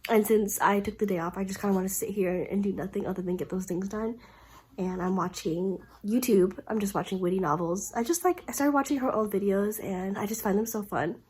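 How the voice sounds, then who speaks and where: A woman's voice: fairly high pitch, darkish tone, slightly rough. Sick, nasal young woman rambling casually. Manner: rambling, filler-heavy talk with many "like"s. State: sick with a stuffy nose. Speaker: book vlogger. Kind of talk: casual vlog chat. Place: at home.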